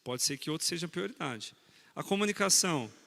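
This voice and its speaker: A man preaching a sermon on marriage, animated, teasing his congregation and speaking to them directly. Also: a little high, brisk, gravelly, big-room sound.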